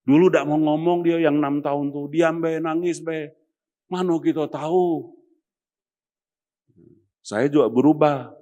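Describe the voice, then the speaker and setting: A man's voice: on the high side, steady tone, measured pace, pauses often, dark tone, dull audio. A man preaching as pastor in a chatty, humorous way, sometimes acting out the people he quotes. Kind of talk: sermon.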